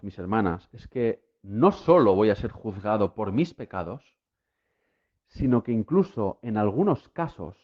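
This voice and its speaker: A man preaching a sermon to listeners at home, emphatic, with repeated refrains that build to impassioned peaks. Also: on the low side. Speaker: lay preacher. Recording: tinny phone-like sound.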